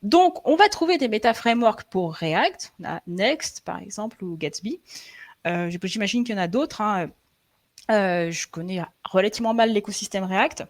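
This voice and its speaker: A woman's voice: mid-range voice, lively intonation, moderate pace. A young woman giving a live online coding presentation over a computer mic. She talks in a loose, hesitant way, full of fillers and restarts, and checks in with her viewers now and then. Her throat is a little sore. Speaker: frontend developer presenting a live webinar. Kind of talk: live tech presentation, conversational.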